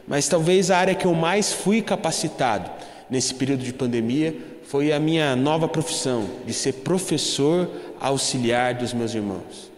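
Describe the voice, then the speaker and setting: A man's voice: mid-range voice, normal speed, reverberant, big-room sound. Young Brazilian man telling a church story. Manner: storytelling, addressing the congregation as brothers. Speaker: church speaker. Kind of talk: humorous church testimony.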